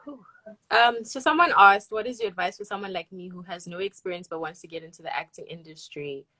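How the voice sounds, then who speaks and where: A woman's voice: mid-range voice, a little fast, bright, forceful tone, dry recording, poor audio. A woman hosting a live Q&A, reading out audience questions with hesitant fillers. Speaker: host.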